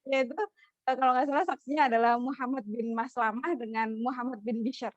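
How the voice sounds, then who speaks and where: A woman's voice: a little high, steady tone, fairly quick, no room sound, muffled recording. A woman casually retelling a religious story, chatty, with many fillers and frequent laughs.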